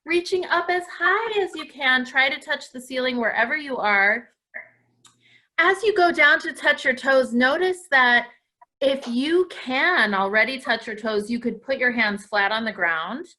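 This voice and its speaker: Bright and forceful, with a high voice and lively intonation, a dance class host takes her time as she leads a live children's stretching session for people at home. She's encouraging throughout and hands out plenty of praise.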